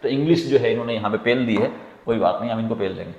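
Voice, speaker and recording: A man's voice: medium pitch, racing, a little mellow, dull audio. Echoey man teaching chemistry, step by step. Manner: explains step by step, keeps checking in with "theek hai". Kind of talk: exam-prep lesson working problems aloud. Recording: echoey, reverberant room.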